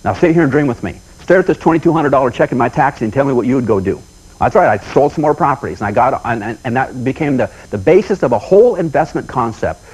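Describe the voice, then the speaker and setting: A man's voice: mid-range voice, darkish tone, husky, low-quality recording. A man telling folksy stories as a motivational seminar speaker, with punchy repetition.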